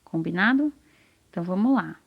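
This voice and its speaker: A Brazilian woman teacher giving a recorded reading lesson to young children. She sounds out syllables deliberately and keeps checking that the child is following. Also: on the low side, expressive, creaky, husky, muffled recording. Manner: slow, deliberate, stretches out syllables and checks in often.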